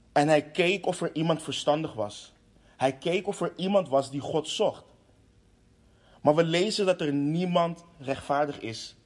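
A preacher delivering a sermon, impassioned, with restarts and fillers. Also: male voice, a little high.

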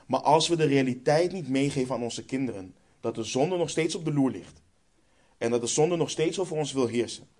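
A man's voice: medium pitch, darkish tone. A man with a Dutch accent preaching a sermon, emphatic and stressing points by repeating phrases.

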